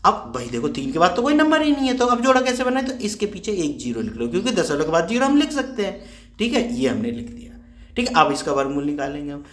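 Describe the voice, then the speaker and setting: A man with a high, very animated voice walks students through a maths problem on a board. He keeps checking that they follow along, and his voice rings in an echoey room. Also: quick pace. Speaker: maths teacher. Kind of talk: whiteboard maths lesson.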